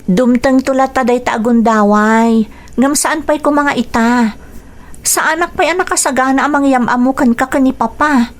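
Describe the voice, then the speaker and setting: In a radio drama, a young woman uses a natural, high voice at a moderate pace to play a young mother anxious about her strict father. She speaks with hesitant unease.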